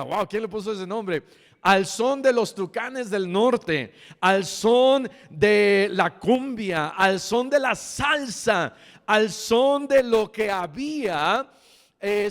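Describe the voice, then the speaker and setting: Pastor, male, high-pitched and slow-paced, reads scripture then jokes with the congregation, recorded in a reverberant church hall. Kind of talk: sermon. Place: church sanctuary.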